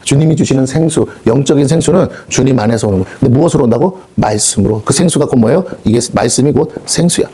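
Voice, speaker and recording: A man's voice: mid-range voice, fast talker, hardly any pauses, dark tone, breathy edge. A male pastor preaching a sermon, firing off rhetorical questions and slipping into quoted voices. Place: prayer house meeting hall.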